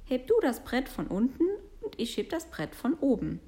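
A woman's voice: fairly high pitch, sing-song, moderate pace, warm tone, breathy edge, voice pushed up. Little Tiger, a dreamy young cub by a woman. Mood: practical. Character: cozy little male tiger, bear's friend.

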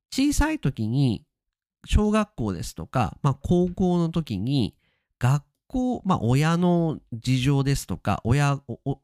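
A man's voice: fairly high pitch, dry recording. Guy hosting a casual language lesson, super swoopy voice, keeps stretching words, dry sound. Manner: lively and sing-song, stretching key words, mixing in English glosses. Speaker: podcast host teaching Japanese vocabulary.

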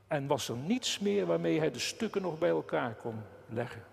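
A preacher with a fairly high, gravelly voice delivers his sermon at a slow, weighty pace. His words ring out into the long reverb of a church hall. He takes long pauses and presses hard on key words. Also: expressive, slight background noise.

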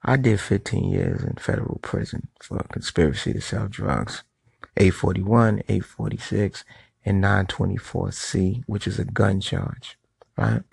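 Gravelly, low-voiced man ranting bluntly. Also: fairly even intonation, measured pace, a little mellow, no echo. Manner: blunt, profane street talk with many "right?" tags. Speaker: vlogger. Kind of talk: casual monologue.

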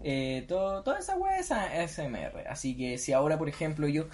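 A man's voice: a little high, very animated, fairly quick, a little mellow. A young Chilean man with a slightly raised voice, joking his way through a loose podcast conversation. He talks over others and laughs often, with faint hiss behind him. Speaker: podcast host. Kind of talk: casual podcast chat.

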